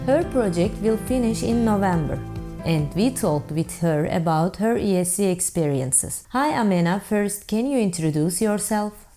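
A woman from Turkey hosting a podcast, reading her introduction and questions in a plain, measured way. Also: medium pitch, expressive, mellow, faint music behind. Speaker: podcast host. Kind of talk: scripted interview questions.

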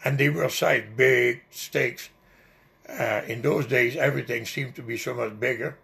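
Unhurried and forceful, an older man with a gravelly, bright mid-range voice tells a personal story for an oral history interview. English isn't his first language, and his recollection is rambling and vivid, peppered with fillers.

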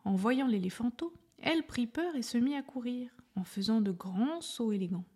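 Soft husky woman reading a children's story. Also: on the high side, animated, normal speed. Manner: soft, gentle, often breathy and whispered.

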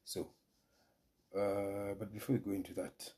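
Kenyan male lawyer-host, deep and dark-toned, formal lecturing delivery. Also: level tone. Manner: measured, formal lecturing with careful restarts. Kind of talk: solo legal explainer podcast.

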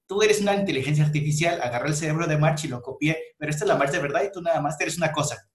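A man's voice: fairly high pitch, very fast, reverberant, natural voice. A man retelling lines of a smug, teasing cartoon husband while telling a story.

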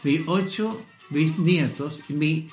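A Chilean man in his eighties speaks very slowly, chuckling and self-deprecating as he chats. His voice sits a bit high. It is recorded in a roomy space with faint music underneath. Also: lo-fi sound. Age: 80s. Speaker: guest. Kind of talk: casual radio interview.

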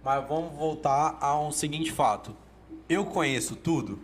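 Speaking at a measured pace in a high-ish voice, a Brazilian Portuguese-accented man teaches oratory in a relaxed coaching style. He's animated, voices quoted thoughts, and restarts his sentences a lot, over slight background noise.

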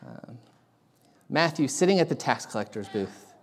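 A young man preaching a sermon in a casual, halting way with lots of ums, his voice carrying an echoey big-room sound. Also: mid-range voice, big pitch swings. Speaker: guest preacher.

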